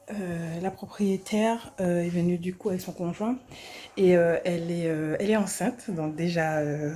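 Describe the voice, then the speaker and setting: Chatty young woman with a mellow voice. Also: fairly low pitch, slight background noise. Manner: chatty, frequent hesitations and repeats. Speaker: vlogger. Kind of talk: casual self-filmed vlog chat. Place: small apartment indoors.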